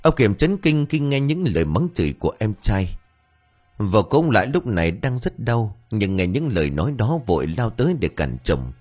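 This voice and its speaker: A man narrating an audio story in a dramatic, expressive reading. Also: lowish voice, moderate pace, soft background music.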